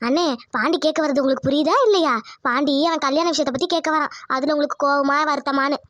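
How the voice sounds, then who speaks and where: A woman voicing a scheming, sharp-tongued middle-aged village aunt in a cartoon, with a needling, indignant way of talking. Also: sits high, steady tone, fast, dry recording. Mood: grievance. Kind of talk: cartoon dubbing.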